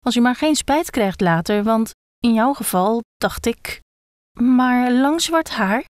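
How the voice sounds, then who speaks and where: A woman voicing timid male gecko, hesitant and fussy, higher voice, dry close sound, children's storybook. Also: animated, takes it slowly, no room sound. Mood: doubtful. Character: timid doubting male gecko giving a wish.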